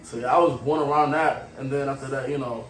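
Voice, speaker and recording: A man's voice: medium pitch, steady tone, fast. A man in his twenties from Cameroon, raised in Maryland, talking as a guest singer in a casual, slangy way. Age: 20s. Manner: laid-back, slangy, often trails off softly. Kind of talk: casual interview chat. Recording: roomy echo, faint music.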